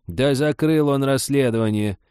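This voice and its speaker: A nosy old village woman barks orders and waves off every objection with scorn, as a man puts her on. The voice sits high and loud above a low, mellow reader's tone. It is a dry, close audiobook recording. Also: animated, normal speed, no echo, natural voice. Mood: bossy. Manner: pushy, scornful.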